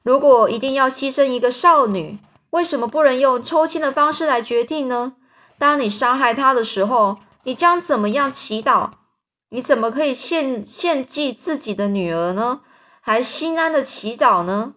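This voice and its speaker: A woman's voice: on the high side, animated, fairly quick, lightly acted. A woman voicing a frightened, grief-stricken queen and mother who cries out accusations in a storybook reading. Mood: anguished. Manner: trembling, hysterical, accusing. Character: anguished queen, a wife and mother.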